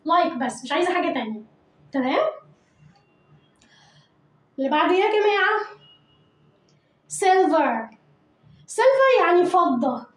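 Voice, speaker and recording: A woman with an Egyptian Arabic accent teaching English vocabulary to children, repeating each word slowly and coaxing pupils to say it after her. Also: very high voice, big pitch swings, echoey room, low-quality recording.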